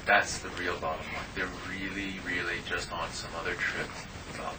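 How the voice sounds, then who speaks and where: Lower-voiced guy chiming in bluntly, far off with lots of noise. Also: level tone, normal speed. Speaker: discussion participant. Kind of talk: casual discussion. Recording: distant, noisy room mic.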